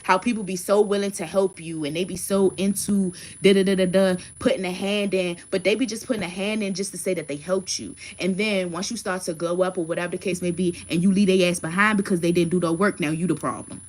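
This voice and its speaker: A woman in her thirties doing a casual tarot reading livestream, talking bluntly and emphatically with frequent swearing. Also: on the low side. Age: 30s. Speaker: tarot card reader.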